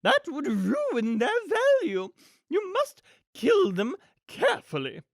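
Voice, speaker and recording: A woman voices a storybook villainess, a rich, imperious woman who is gleefully murderous, in a full character voice pitched above her own. Her voice sits high with huge pitch swings and a slow pace, haughty, theatrical and commanding, with a gleefully menacing mood. The studio sound is clean, with no echo.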